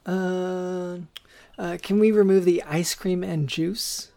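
A man voicing a tired, proud working husband in a weary, low-key way. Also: fairly even intonation, slow, vocal fry, dark tone, heavily acted.

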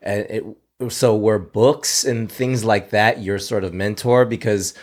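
A man with a lowish voice hosting a podcast. He asks long, rambling questions in an easy, casual way. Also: steady tone, slow. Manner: loose, rambling questions with fillers. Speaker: podcast host.

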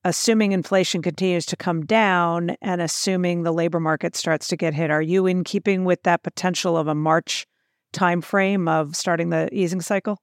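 A woman hosting an interview, asking questions in a measured, formal way. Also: lowish voice, steady tone, no echo, clean studio sound. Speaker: host.

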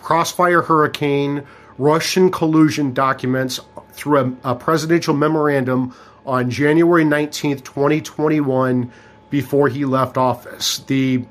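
A man's voice: fairly high pitch, fairly even intonation, a little slow. A man speaking as an interview guest, explaining in a conversational way. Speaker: interview guest, legal advocate.

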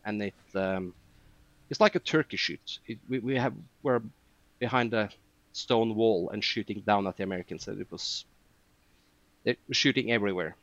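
A man's voice: on the low side, normal speed, a bit bright, no echo, muffled recording. A man chatting as a podcast guest, telling long rambling stories with many fillers. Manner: rambling storytelling with frequent fillers. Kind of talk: casual podcast chat.

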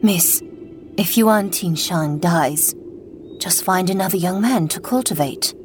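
A man voicing an old female nanny, speaking in a hushed, anxious way. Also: sits high, takes it slowly, soft background music, pitched above the performer's own voice. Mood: worried.

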